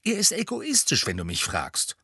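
A man's voice: fairly high pitch, huge pitch swings, moderate pace, vocal fry, sharp tone, slightly rough, dry recording, clean studio sound, voice pushed up, exaggerated voice. A man reading an audiobook, voicing a precocious teenage girl who talks in a stern, know-it-all way. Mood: lecturing.

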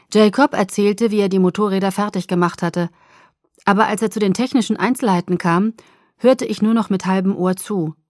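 A woman's voice: mid-range voice, darkish tone, dry recording, studio quality. Woman reading a novel aloud. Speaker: audiobook narrator. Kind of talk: scripted first-person narration.

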